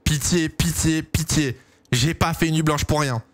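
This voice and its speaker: A young man giving casual, excitable live commentary on a race for his stream, pleading and cheering as it unfolds. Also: on the high side, normal speed, no room sound, soft background music. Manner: excitable, pleading, swings to shouting at big moments.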